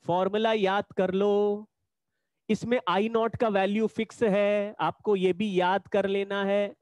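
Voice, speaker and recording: A man's voice: sits high, level tone, unhurried, a little mellow, smooth, dry recording. A man teaching a physics lesson in an online class, explaining patiently and repeating the key points.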